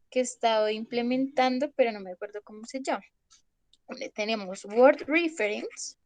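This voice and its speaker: Woman teacher, slow and patient, highish voice, dry close sound. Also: dry recording. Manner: patient, checks in with "listo?" often. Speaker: English teacher. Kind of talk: online class explanation.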